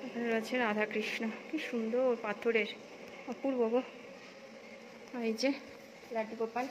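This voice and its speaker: A rather high-pitched woman with a Bengali accent talks casually to her viewers as if they were friends, filming herself on a phone. The audio is noisy, with clear background sound around her. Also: level tone, moderate pace. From India. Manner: chatty, addresses viewers as friends; speaks softly inside the temple. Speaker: vlogger. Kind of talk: casual vlog narration. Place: temple and home, partly outdoors.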